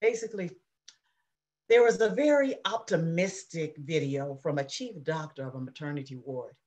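A woman reading the part of an anxious mother recounting wartime, in an earnest, measured dramatic reading over a video call. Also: sits low, darkish tone. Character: anxious middle-aged mother recounting war. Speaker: reader in a play reading.

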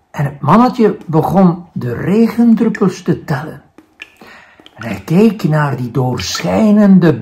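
An older man, a grandfather, reading a bedtime story slowly and expressively. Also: on the high side, creaky, darkish tone, a little hiss or hum.

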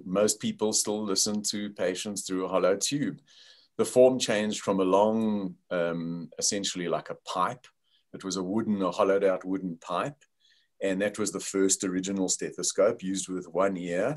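Speaking over a video call with a low, darkish voice, an older man with a South African accent describes the work of the company he founded. He is thoughtful and uses a lot of fillers.

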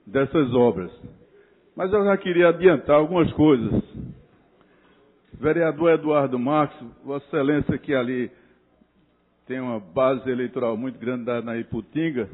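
Councilman, tinny echoey chamber. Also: on the high side. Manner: formal and critical, addresses colleagues as Your Excellency, halting restarts. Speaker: city councilor. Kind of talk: formal speech in a council chamber. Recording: reverberant chamber over a tinny narrow-band feed.

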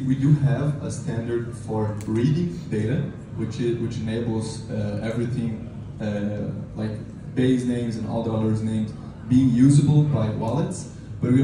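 A man presents a casual technical lightning talk with halting phrasing and a medium pitch. He sounds distant from the microphone, in a strongly reverberant conference room. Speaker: conference speaker. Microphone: handheld mic through PA, picked up by a distant camera. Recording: roomy, distant, noisy room recording.

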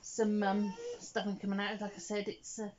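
A woman's voice: medium pitch, monotone, moderate pace, crowd noise. A woman with heavy, audible breathing, rambling casually and murmuring to herself as she works with her hands. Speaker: hobbyist doll vlogger. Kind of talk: casual rambling chat while dressing a doll. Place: indoors at home, hands-on beside a bed. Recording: slightly dull lo-fi phone sound.

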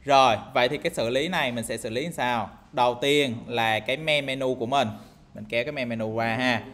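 A man's voice: medium pitch, brisk, a bit bright. Casual man teaching coding. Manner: casual, thinking aloud with many fillers and tag questions. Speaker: programming instructor. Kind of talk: screen-recorded coding tutorial.

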